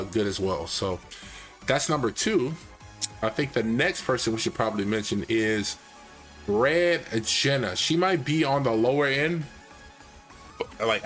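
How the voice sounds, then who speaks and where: A young man giving casual gaming commentary, rambling and correcting himself, with lots of fillers like "uh" and "like". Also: medium pitch. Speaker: game guide creator.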